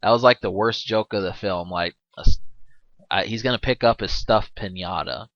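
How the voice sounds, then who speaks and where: A man's voice: on the low side, moderate pace, fairly bright tone, dry recording. A man giving casual, rambling movie commentary, full of fillers and jokes. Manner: rambling, filler-heavy, joking with frequent laughs. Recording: dull, dry lo-fi mic.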